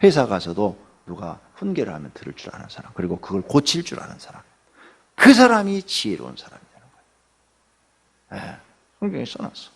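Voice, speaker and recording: A man's voice: fairly low pitch, wildly swooping pitch, fairly quick, vocal fry, long pauses, husky. A man preaching a dawn sermon in a church, talking conversationally, asking the congregation questions and joking. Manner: acts out everyday people in quotes, joking. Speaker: pastor. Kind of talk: early-morning sermon.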